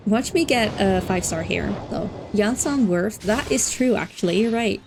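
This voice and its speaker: This woman's mid-range voice has lively intonation, a normal speed and a slightly mellow quality, with a little hiss or hum in the recording. She's livestreaming a game and chatting casually and playfully with viewers, repeating and drawing out words.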